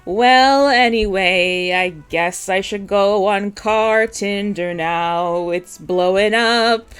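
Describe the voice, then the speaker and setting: A woman's voice: medium pitch, takes it slowly, a bit bright, smooth, faint music behind, pitched below the performer's own voice. A woman playing a fretful, lonely car. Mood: worried. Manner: rambling, anxious, slips into sing-song. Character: worried lonely car watching races. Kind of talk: improv comedy scene.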